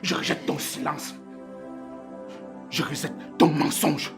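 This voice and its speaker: A man's voice: fairly high pitch, flat delivery, takes it slowly, creaky, music in the background. A man with a Cameroonian French accent playing a hurt, angry young man who feels betrayed, in a web-series drama. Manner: wounded and accusing, bitter.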